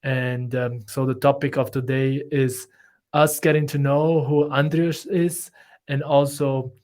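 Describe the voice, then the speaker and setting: A man's voice: mid-range voice, flat delivery, a little slow, darkish tone. A man hosting a live online interview, talking loosely and searching for his words. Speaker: host.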